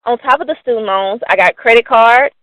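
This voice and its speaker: A woman's voice: a little high, fairly quick, a bit bright, no room sound. A young woman giving an upbeat, persuasive scripted sales presentation about money, answering her own questions. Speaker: company presenter. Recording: dry, phone-like narrow sound.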